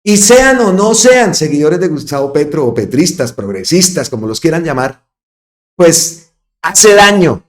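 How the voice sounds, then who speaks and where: A man's voice: a little high, big pitch swings, a little slow. A man hosting his own political commentary channel, talking emphatically and repeating phrases for stress. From Colombia. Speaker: host of an online political channel.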